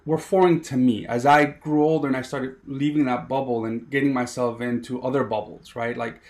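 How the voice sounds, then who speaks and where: His mid-range voice is darkish, fairly even in intonation, and moves at normal speed. The man, a Miami sports producer in his thirties, rambles eagerly through his story in a casual interview, peppering it with "you know."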